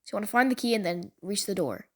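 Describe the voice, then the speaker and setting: Very animated and a bit bright, this medium-pitched female voice races along as she comments on gameplay. The video creator and game level designer uses casual gamer slang over background music.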